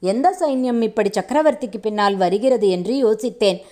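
A woman's voice: medium pitch, normal speed, dark tone, natural voice. A woman reading a loyal male servant and spy in a storybook reading, eager and deferential in her delivery.

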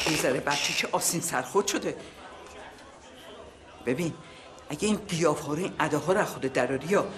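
An actor playing a stern, domineering older father in a TV drama, with a gruff, commanding way of talking. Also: on the high side, close to an everyday voice. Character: stern, bossy old father. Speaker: scolding father. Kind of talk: TV drama acting. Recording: loud music and crowd behind.

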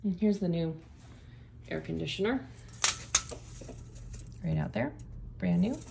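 A Florida realtor gives a casual, upbeat tour of an empty condo, her speech full of fillers as she walks from room to room filming on a handheld phone. Her voice sits on the low side with lively intonation, a slow pace and vocal fry. The bare rooms echo, and there's background noise.

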